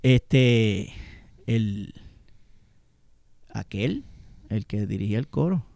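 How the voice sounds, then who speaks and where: A man's voice: on the low side, lively intonation, extremely slow, vocal fry, dark tone, dry recording, studio quality. A man with a Puerto Rican accent co-hosting a podcast, bantering, swearing and laughing a lot. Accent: Puerto Rican Spanish. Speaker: podcast co-host. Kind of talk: casual banter.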